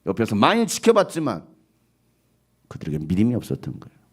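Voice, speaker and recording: A male pastor preaching a sermon in an animated way, at times acting out the voices he quotes. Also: lowish voice, a little fast, breathy edge.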